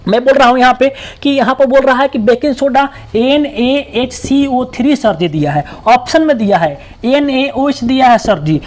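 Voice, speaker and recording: Bihari guy tutoring for exams, talks fast and casual, keeps repeating stuff so it sticks. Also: very high voice, a little mellow. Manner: rapid, repetitive drilling, colloquial. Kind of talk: exam-prep lesson.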